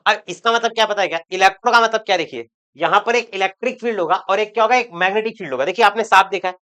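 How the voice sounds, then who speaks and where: A man's voice: high voice, very fast, bright, forceful tone, smooth. A male chemistry teacher giving an online exam-prep lecture. He talks in a loose, chatty way, repeats words over and over for emphasis, and drops joking asides to his students.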